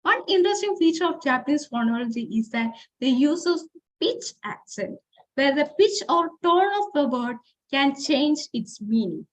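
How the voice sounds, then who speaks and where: Woman, high voice, informal lecture, explains step by step with pauses and fillers. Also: expressive. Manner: explains slowly with frequent fillers and restarts; reads example phrases aloud. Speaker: forum speaker.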